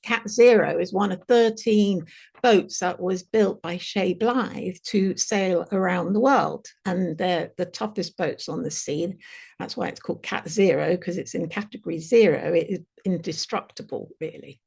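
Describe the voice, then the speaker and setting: Husky, gravelly woman with lively pitch. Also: unhurried. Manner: expressive, dropping to a near whisper in the guided parts; lively, laughing as she tells a story. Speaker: retreat host presenting a webinar. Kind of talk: guided visualization and storytelling.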